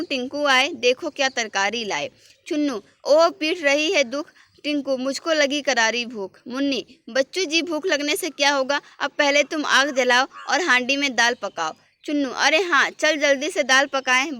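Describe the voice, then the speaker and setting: A woman's voice: high-pitched, sharp tone, dry recording. A woman teacher reading a textbook story aloud for exam preparation, lightly voicing the characters.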